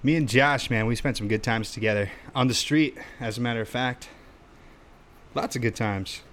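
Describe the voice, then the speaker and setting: A man's voice: mid-range voice, moderate pace, a bit bright, slight background noise. A man, co-hosting a casual podcast chat, laid-back and laughing often, peppering talk with "dude". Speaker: podcast co-host.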